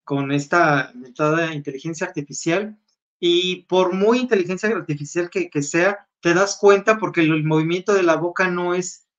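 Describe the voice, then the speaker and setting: A man's voice: high voice, moderate pace, a bit bright. A man co-hosting a casual gossip chat, easygoing and chatty. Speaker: show co-host. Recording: dull lo-fi sound.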